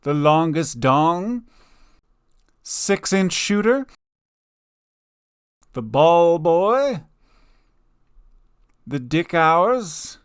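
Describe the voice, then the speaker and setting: A man casually commentating a game he plays, joking and trading in slow, deliberate punchlines. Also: on the high side, sing-song, clean tone, dry recording, clean studio sound. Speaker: gaming video host. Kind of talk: casual let's-play commentary.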